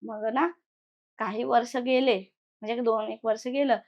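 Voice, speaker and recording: A woman's voice: on the high side, steady tone, normal speed, lo-fi sound. A young woman from Maharashtra telling a personal horror story conversationally, retelling events with quoted voices. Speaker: guest storyteller. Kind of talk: casual spoken horror story.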